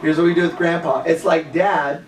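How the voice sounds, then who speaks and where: A man's voice: a little high, fairly even intonation, normal speed. A man teaching a children's Bible class, encouraging the kids and prompting them with questions. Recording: echoey room, mic far off.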